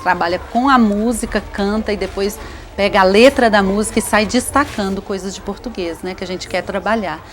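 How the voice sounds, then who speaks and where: A Brazilian woman, a teacher, calmly explaining her teaching method in an interview. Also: medium pitch, brisk, slight background noise.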